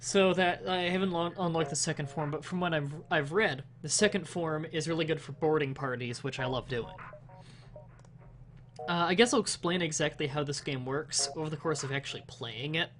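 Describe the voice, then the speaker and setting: A young man who sounds a bit ill, his nasal voice high and a little bright, rambles through stream commentary at a moderate pace. The recording has some hiss or hum, and he explains the game mechanics casually with fillers and false starts.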